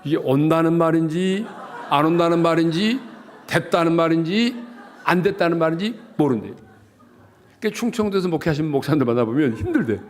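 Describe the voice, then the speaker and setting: Korean pastor guy doing a revival sermon, jokey and lively, voice jumps all over. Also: on the high side, a little fast. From South Jeolla, Korea. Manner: animated, joking preaching with dialect humor.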